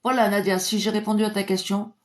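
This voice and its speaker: A cheerful woman clairvoyant with a mid-range voice answers viewers' questions on a live stream. She chats freely between readings. Her voice sinks to a quiet murmur when she asks her angels for help. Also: flat delivery, quick pace. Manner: cheerful and chatty, drops to a low murmur for invocations. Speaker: clairvoyant doing pendulum readings.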